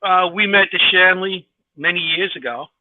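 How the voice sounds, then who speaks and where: Male co-host, high voice, casual chatter, thin phone-quality sound. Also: normal speed, no echo. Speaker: podcast co-host. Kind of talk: casual chat.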